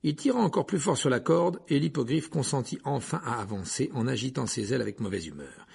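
Gravelly husky guy reading an audiobook, lively and expressive. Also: mid-range voice, a little fast. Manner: expressive, voices characters. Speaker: audiobook narrator.

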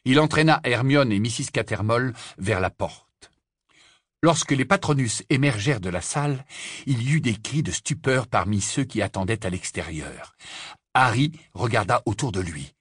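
A man reading a fantasy novel aloud as an audiobook narrator, with expressive storytelling. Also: mid-range voice, moderate pace, husky, dry recording, clean studio sound. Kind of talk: scripted narration.

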